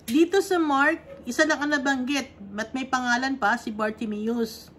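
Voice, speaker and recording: Higher-voiced woman teaching a Bible lesson. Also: fairly even intonation, normal speed, a bit bright, slight background noise. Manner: explains verse by verse, often checking in with tag questions. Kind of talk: conversational Bible study lesson.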